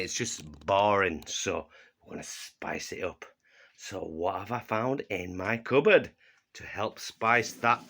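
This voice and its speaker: Fairly bright but on the low side, his Yorkshire-accented voice comes with a little hiss or hum on the recording. He's fronting a pretend cooking show in his home kitchen, laughing at himself and chuckling as he goes.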